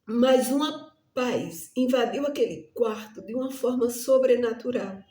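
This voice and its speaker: A woman's voice: fairly high pitch, a little slow, dark tone, roomy sound. A woman preacher telling a testimony in an earnest, emotional sermon style, often calling out to her listeners. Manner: earnest, addresses the listeners as "amados".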